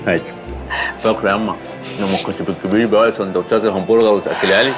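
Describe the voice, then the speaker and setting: An actor playing a teasing blind young son. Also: male voice, on the low side, fairly even intonation, rapid-fire, over music, lightly acted. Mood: tender. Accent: Egyptian Arabic. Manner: teasing, affectionate. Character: blind young man teasing his mother.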